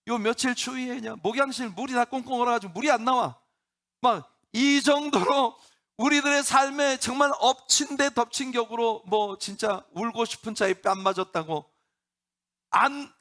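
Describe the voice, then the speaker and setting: A man's voice: high voice, gravelly, a bit bright. A man preaching a sermon in church, emphatic and building up with rhetorical questions to the congregation. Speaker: pastor.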